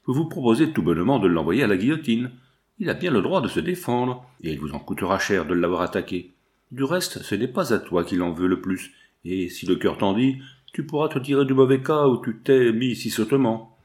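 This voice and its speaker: A man's voice: on the low side, lively intonation, a little fast, a little mellow, lightly acted. A man reading the part of a mocking, gloating old male villain in disguise in an audiobook.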